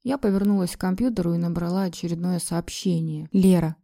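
A woman narrating a story in the first person, calm and even. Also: on the low side, fast, creaky.

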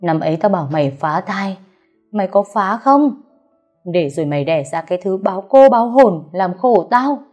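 A woman's voice: medium pitch, lively intonation, moderate pace, mellow, lightly acted. A woman voicing a bitter, cold older mother who scolds her daughter bluntly, read aloud from a story with faint music behind. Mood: scornful.

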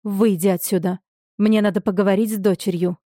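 An imperious noble mother with a cruel temper, as a woman reads her, who hisses and snaps out commands. She sits a little above a normal speaking pitch, with a forceful, cutting edge. The voice is dry and close to the mic. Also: steady tone, brisk, dry recording, lightly acted. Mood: furious. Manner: hissing, commanding.

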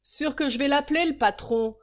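A woman voicing a scandalized male café waiter who bursts out in loud, high exclamations. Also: moderate pace, close to an everyday voice. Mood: outraged.

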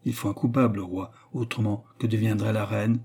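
Man voicing a sly calm abbé, measured, dark husky low voice, storybook priest. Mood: cautioning. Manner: measured, cool. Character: sly, calm male abbé, coolly probing.

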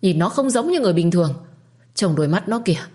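A woman voicing a spiteful, shrill older secondary wife who screams abuse at servants. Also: very animated, quick pace, a little mellow. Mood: shaken. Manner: shrieking, scolding, abusive.

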